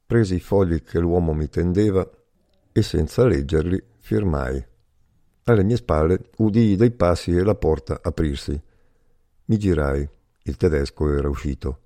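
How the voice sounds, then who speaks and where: A man narrating a first-person memoir in a measured, steady reading. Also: low-pitched, dry recording.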